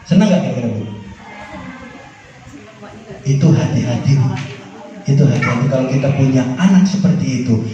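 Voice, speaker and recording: A man preaching a sermon on parenting to mothers, speaking in an animated way, his pitch swinging between high and low as he addresses the audience. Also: brisk, pauses often. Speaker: Islamic preacher. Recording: echoey, distant, dull lo-fi hall recording.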